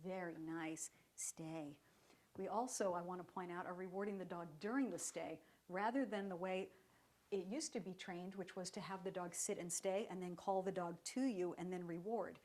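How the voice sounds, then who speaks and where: A woman dog trainer giving a step-by-step lesson, speaking in a calm, even voice while she works with a dog. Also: fairly low pitch, moderate pace. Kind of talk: instructional demonstration.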